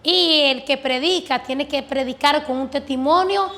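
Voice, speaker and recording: A woman with a high, slightly bright voice speaks unhurriedly as a guest sharing her faith testimony. With fervent conviction, she earnestly recounts her prayers and the answers she received.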